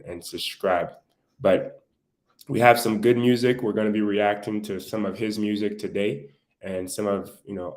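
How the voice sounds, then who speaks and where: A man hosting a live online talk show, interviewing a guest and chatting casually to viewers. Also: deep voice. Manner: relaxed, conversational, filling time to camera.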